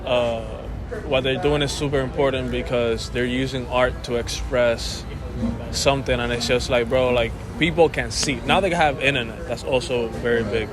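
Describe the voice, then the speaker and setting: Born and raised in Cuba, this young musician chats casually as an interview guest, rambling through restarts and calling the host bro a lot. His mid-range voice keeps a steady tone at a moderate pace, with crowd noise around him.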